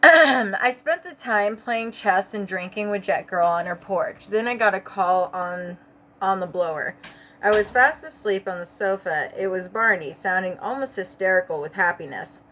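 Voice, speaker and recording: A woman's voice: medium pitch, expressive, moderate pace, bright, forceful tone, slight background noise. A woman reading a story aloud, sick and a bit stoned, in a loose, casual delivery. She stumbles and corrects herself, breaks off for chatty asides, and swears without a second thought. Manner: rambling asides, stumbling over words, swearing. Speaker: audiobook reader. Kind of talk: casual amateur audiobook narration.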